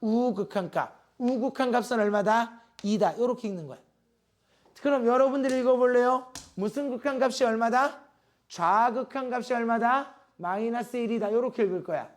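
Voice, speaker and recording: High-voiced male math teacher. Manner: asks the class constant check questions, drawn-out emphasis on key terms. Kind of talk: classroom math lecture.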